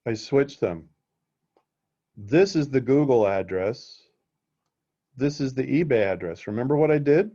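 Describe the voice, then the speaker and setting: Casual male tech instructor, mellow voice. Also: mid-range voice, lively intonation, unhurried, pauses often. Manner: casual, checks in with students often. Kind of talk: live technical class lecture. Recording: dull lo-fi recording.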